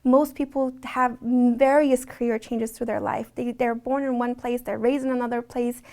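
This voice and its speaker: A woman's voice: fairly high pitch, fairly even intonation, normal speed, darkish tone. A woman speaking earnestly in a reflective documentary interview, talking conversationally with frequent restarts.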